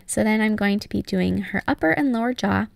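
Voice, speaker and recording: A woman's voice: medium pitch, a little fast, vocal fry, no room sound. A young woman giving casual, step-by-step tutorial narration as the host. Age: young adult. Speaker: nail art tutorial host.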